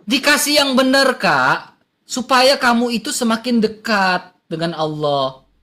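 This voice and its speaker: A man's voice: very high voice, expressive, measured pace, bright, forceful tone. A man hosting a live-stream chat, teasing his guest in a mock-preachy way.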